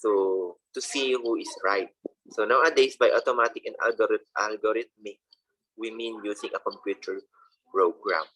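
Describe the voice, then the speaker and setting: A man's voice: lowish voice, moderate pace, fairly bright tone, rough recording. A man with a Filipino accent giving a recorded college lecture, reading slides and then explaining them with many fillers.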